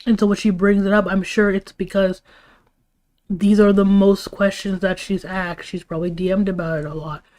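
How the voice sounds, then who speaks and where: Here the livestream host talks at a moderate pace, her mid-range voice a little mellow and fairly flat in pitch. She sounds weary as she offers loose, rambling opinions with occasional casual cursing.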